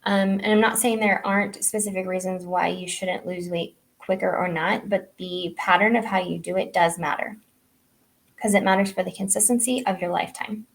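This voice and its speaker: A woman's voice: mid-range voice, fairly even intonation, normal speed, vocal fry. A middle-aged woman health coach giving a casual live online training, talking loosely with many fillers and "right?" tags.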